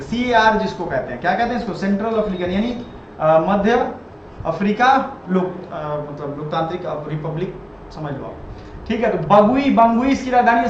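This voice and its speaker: A high-voiced man teaching an exam-prep lesson, who drills each answer and asks the viewer to repeat it. The room is very echoey and the sound is dull and lo-fi, with a faint hiss underneath.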